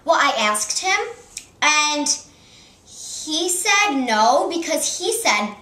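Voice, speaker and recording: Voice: high voice, big pitch swings, drawn-out words, sharp tone, roomy sound, heavily acted. A student playing a chatty ten-year-old girl in an amateur comedy sketch, rambling with lots of ums and likes. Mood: excited. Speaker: interviewee.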